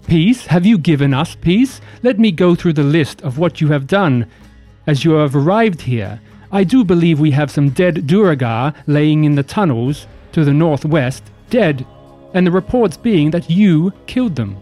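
A man voicing an imperious dwarf overseer in a tabletop game, formal and sardonic, speaking deliberately. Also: fairly high pitch, expressive, dark tone, close to an everyday voice. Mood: stern, accusing. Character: imperious, accusing male dwarf overseer, suavely menacing. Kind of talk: tabletop role-play. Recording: music behind the voice.

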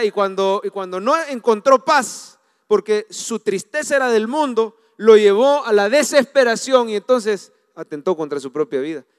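Male pastor, sermon delivery, clear high voice, reverberant church hall. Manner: animated preaching, swings from hushed to loud.

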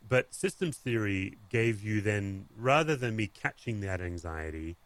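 Candid Australian man, low voice. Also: measured pace, dry recording. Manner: candid, animated, many restarts. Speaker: pastor and podcast co-host. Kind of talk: conversational podcast talk.

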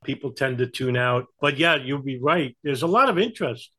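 A man with a New York accent giving conversational political and historical commentary, in a halting way with frequent hesitations. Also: medium pitch, animated, bright, forceful tone. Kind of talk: conversational explanation.

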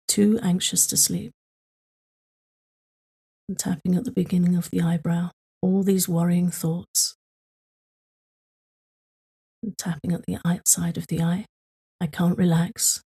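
Soft, breathy woman guiding calm tapping. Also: fairly low pitch. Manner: slow, soothing, repetitive prompts. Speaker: tapping guide. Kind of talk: guided tapping meditation for sleep.

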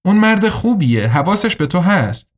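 A woman's voice: lowish voice, big pitch swings. A man voicing a weary, stern female coach and supervisor in an audiobook, speaking in a guarded, worried way. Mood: firm, worried.

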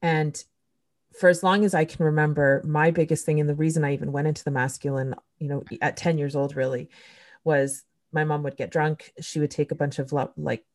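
Host, female, deep register, candid emotional storyteller, casual and blunt. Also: steady tone, fairly quick, darkish tone. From Canada. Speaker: podcast host. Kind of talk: casual conversation.

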